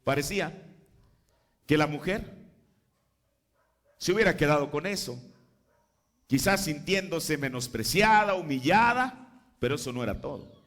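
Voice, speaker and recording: Man, preacher from Mexico, sermon, very lively pitch, hushed lows and loud highs, acts out dialogue. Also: unhurried, long pauses. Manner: swings from soft low murmurs to loud high-pitched emphasis; acts out biblical dialogue in varied voices.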